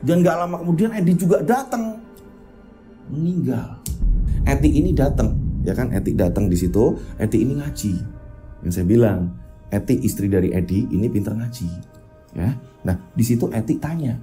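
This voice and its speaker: A man's voice: mid-range voice, animated, normal speed, dark tone, soft background music. A man telling a horror story in a chatty, casual way, often tagging sentences with ya kan. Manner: chatty, repeats tags like ya kan.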